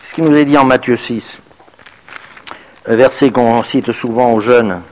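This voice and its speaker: Male preacher, mid-pitched, reads scripture and comments on it, emphatic highs and hushed lows. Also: a little slow, slight background noise. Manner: swings from raised emphatic bursts to quiet murmured asides. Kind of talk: sermon.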